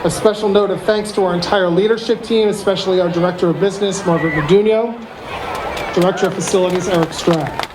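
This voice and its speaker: A man giving a formal podium speech as a school leader hosting an outdoor ceremony, speaking in measured, separated phrases. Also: sits high. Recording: noisy outdoor recording with crowd sounds.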